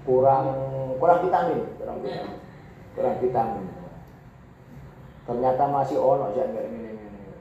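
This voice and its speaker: A man's voice: mid-range voice, moderate pace, mellow, a little hiss or hum. A male Arabic teacher from Indonesia, giving a classroom lecture and explaining text he reads aloud with repeated examples. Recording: echoey, dull classroom recording.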